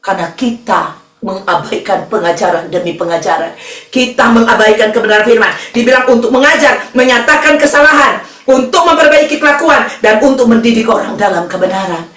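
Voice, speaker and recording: Woman pastor, bright high voice, animated sermon delivery, distant mic in an echoey hall. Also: brisk. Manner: animated preaching, calling out to the congregation. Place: church hall.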